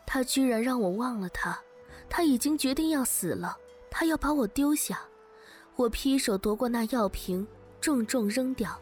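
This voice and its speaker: A woman with a fairly high voice reads a story in the first person, emotional and moving, her quoted lines rising into tearful cries. Faint music plays behind her. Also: animated, normal speed. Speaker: audiobook narrator. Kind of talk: scripted first-person narration.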